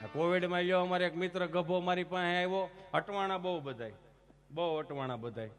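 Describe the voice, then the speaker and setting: A man telling comic folk stories on a live stage, lively and teasing. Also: high voice, fairly quick, soft background music. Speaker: folk storyteller. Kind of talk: live comic dayro storytelling.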